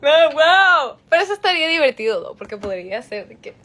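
A woman's voice: high voice, very animated, a little fast, fairly bright tone. Giggly young woman on a livestream. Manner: bilingual, giggly, chatty, reads questions aloud. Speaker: musician answering fan questions on a livestream. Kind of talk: casual livestream Q&A. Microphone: phone livestream.

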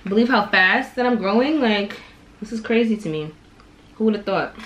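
A young adult vlogger talks casually over dinner in her home kitchen, filmed by a camera on the table at close range. Her mid-range voice is expressive and a bit bright, at a normal speed. The recording is rough.

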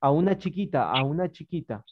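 A woman with an Ecuadorian Spanish accent and a low, animated voice speaks briskly, teaching young children in an online class over a video call. She is a primary school teacher, patient and coaxing, using many diminutives. The video-call audio is muffled, with a faint hiss or hum.

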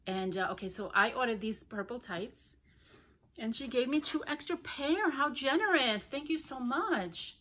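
A woman chatting casually as she unboxes parcels at home, gushing and excited, often talking to her dogs. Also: mid-range voice, slight background noise. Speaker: vlogger. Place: home, indoors.

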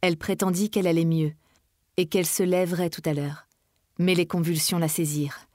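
A woman reads a classic novel aloud in a measured, dramatic way. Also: fairly low pitch, fairly even intonation, a little mellow, no room sound, studio quality. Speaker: reader. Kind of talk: literary reading.

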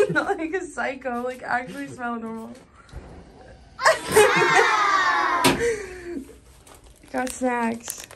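A woman's voice: sits high, very animated, drawn-out words, long pauses, background noise. A young woman in her student years, chatting casually for her vlog and laughing often. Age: young adult. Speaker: vlogger, music student. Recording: busy crowd and music behind.

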